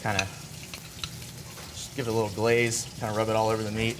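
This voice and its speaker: A man's voice: on the low side, level tone, a little fast, very noisy. A man guest chef in a TV studio kitchen, talking through a cooking demo in an easygoing way. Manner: easygoing, explains steps while cooking. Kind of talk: cooking demonstration chat.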